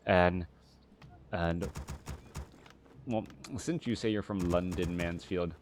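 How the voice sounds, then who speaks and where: A man's voice: low-pitched, fairly even intonation, slow pace, background noise. A man, casting a strategy game live and drifting into rambling chat full of fillers and restarts. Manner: rambling, chatty, many restarts and filler words. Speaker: game caster.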